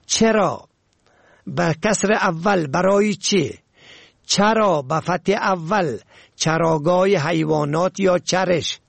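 A man presenting a language program, reading a scripted lesson and listing words with their pronunciations in a measured way. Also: sits high, creaky, dry recording.

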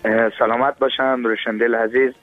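A man's voice: medium pitch, little pitch movement, narrow, tinny audio, soft background music. A man with an Afghan Dari accent, a singer who is a guest on a radio show, speaking modestly and deferentially. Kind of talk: casual radio chat.

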